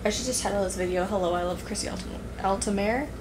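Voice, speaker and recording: A woman's voice: medium pitch, fast, background noise. A young woman chatting playfully with a friend in a casual vlog. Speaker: vlogger. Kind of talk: casual chat.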